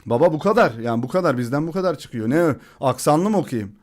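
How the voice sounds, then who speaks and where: A man's voice: fairly high pitch, lively intonation, quick pace, a little mellow. A young man streaming live, chatting casually with viewers, joking around and laughing often.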